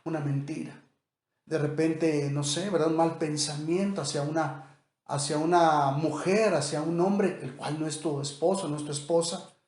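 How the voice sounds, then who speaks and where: A man's voice: on the high side, fairly even intonation, normal speed, darkish tone, roomy sound. A man, preaching a sermon as pastor, talking conversationally and asking rhetorical questions.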